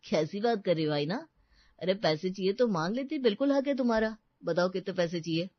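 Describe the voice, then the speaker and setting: A woman voicing a calm, puzzled young husband who reasons soothingly, recorded dull and dry. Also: mid-range voice, brisk, dry recording, lightly acted.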